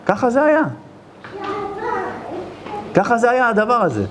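A man, a rabbi, giving a sermon full of storytelling, shifting between hushed narration and loud exclamations. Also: very high-pitched, big pitch swings, slight background noise. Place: lecture at an event.

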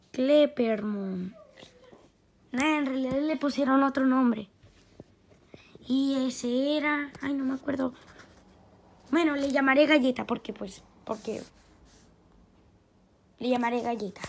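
A woman chatting playfully while drawing, muttering to herself as she works. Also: high-pitched. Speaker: channel host. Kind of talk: casual chat while drawing.

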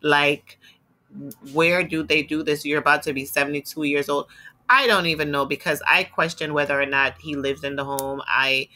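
A woman's voice: sits low, steady tone, normal speed, bright, forceful tone. A woman hosting a celebrity gossip show, telling the story in a chatty, opinionated way, full of "you know" fillers. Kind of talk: casual gossip commentary.

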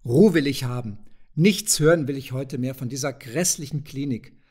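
A man reading a gruff, blustering male character who barks orders in loud outbursts. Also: a little high, animated, unhurried.

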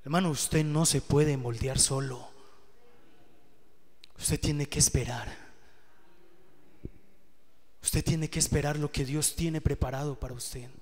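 A man's voice: a little high, fairly even intonation, slow, pauses often, a little mellow. A man preaching a sermon, telling his own story with earnest testimony that rises to emotional emphasis. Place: church hall. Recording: live church hall with long reverb.

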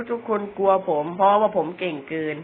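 Speaking at normal speed in a high voice, a young gamer offers easygoing, chatty commentary on a video game. He jokes at his own expense and trips over words, often repeating them. The recording sounds tinny, like a phone, with faint background noise.

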